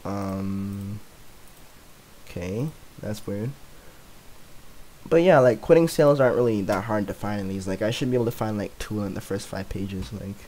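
Young male gaming YouTuber, low-ish voice, rambling commentary full of "like," chuckles often. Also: normal speed, pauses often, dark tone, a little hiss or hum, low-quality recording. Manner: filler-heavy rambling, "like" everywhere. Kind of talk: casual gameplay commentary.

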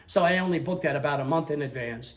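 Touring his large indoor workshop, the older owner of a woodworking school talks fast in a fairly high, somewhat bright voice. He explains things casually and slips in small jokes, recorded on a camera the interviewer holds.

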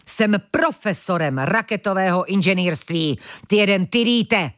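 A woman voicing a pompous, villainous male professor who is touchy about his title, shrill and contemptuous, for a children's audiobook. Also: expressive, fairly bright tone, no room sound, studio quality. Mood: shrill indignant. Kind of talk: audiobook character voice.

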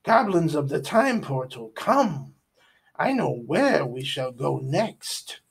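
Storybook villainess, a high imperious princess as a man plays her, slow menacing commands. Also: big pitch swings, vocal fry, breathy edge, full character voice. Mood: triumphant. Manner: slow, commanding, drawn-out threats. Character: villainous sorceress princess, domineering and cold.

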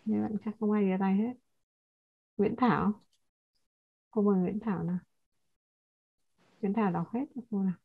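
A woman's voice: medium pitch, steady tone, moderate pace, vocal fry, long pauses, breathy edge. Brief: woman language teacher, patient explainer, thin phone-like audio. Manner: explains patiently, repeats and corrects pronunciation. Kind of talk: online class teaching.

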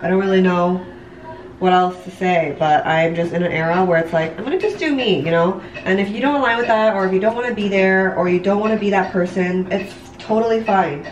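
This woman in her late twenties, a vlogger and online business coach, talks briskly at medium pitch while putting on makeup in her home bathroom. She's candid and casual with her viewers, rambling a bit, leaning on "like" and "you know," and swearing occasionally. The audio is muffled and echoey from a camera a step or two off, with slight background noise.

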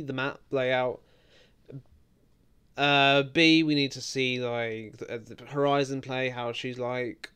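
A young British man giving casual, excitable reaction commentary on game trailers, swearing freely. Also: mid-range voice, clean tone. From Britain. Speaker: gaming video host.

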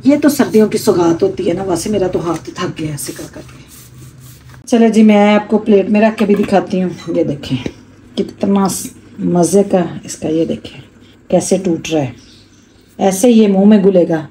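Homely middle-aged woman vlogger, mellow voice, kitchen narration, faint room hum. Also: mid-range voice, normal speed, poor audio. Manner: chatty, homely, addresses viewers as family. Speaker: cooking vlogger. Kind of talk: casual cooking vlog narration. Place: home kitchen.

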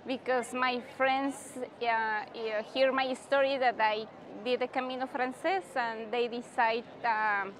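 Woman in her forties, spanish native, careful halting phrasing, slightly high voice, faint background noise. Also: steady tone, poor audio. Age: 40s. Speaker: pilgrim interviewee. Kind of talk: street interview. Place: city square outdoors.

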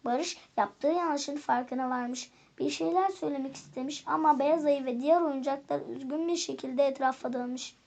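A woman teacher reading a children's fairy tale aloud in calm, expressive storybook narration. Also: high voice, normal speed, vocal fry, hardly any pauses.

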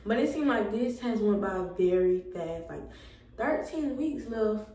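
A woman's voice: medium pitch, lively intonation, measured pace, mellow, far from the mic. Tired young woman chatting in an echoey bathroom. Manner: laid-back, chatty, Southern US slang. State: tired and a bit out of breath. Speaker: vlogger. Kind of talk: casual chat to camera.

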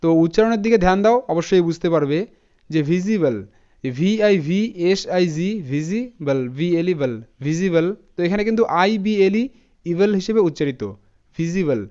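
A man with a fairly high, smooth and resonant voice leads a pronunciation lesson. He spells each word out letter by letter, then says it again slowly, often pausing to check that his students follow. The recording sounds slightly dull and lo-fi. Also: expressive, mellow. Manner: spells words letter by letter and repeats them slowly; addresses students directly with frequent "thik ache" checks. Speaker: English pronunciation teacher. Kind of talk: spoken classroom lesson.

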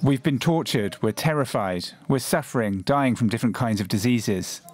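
A detained refugee man in a voice message, his voice altered to sound deeper to hide his identity, listing his hardships in a pleading way. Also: moderate pace. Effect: disguised deep voice, pitch-lowered to hide identity. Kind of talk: voice message testimony. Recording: noisy voice message.

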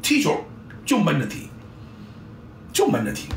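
A man's voice: on the high side, huge pitch swings, a little slow, creaky, slight background noise. A middle-aged man, a football coach giving a blunt, salty casual monologue and acting out sounds and scenes. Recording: roomy, distant mic, faint ambience.

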